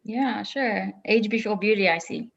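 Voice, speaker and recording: A woman's voice: mid-range voice, a little slow, vocal fry. South african lady, middle-aged, chatting and laughing a bit, kinda dull muffled audio. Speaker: safari travel advisor. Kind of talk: interview answers.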